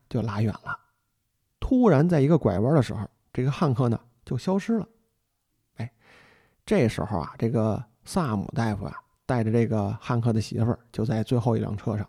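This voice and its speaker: A man's voice: mid-range voice, dark tone, breathy edge. A man retelling a mystery novel in a chatty, folksy storytelling style, speaking straight to the listener. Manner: chatty, addresses the listener directly, folksy asides. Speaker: book storyteller.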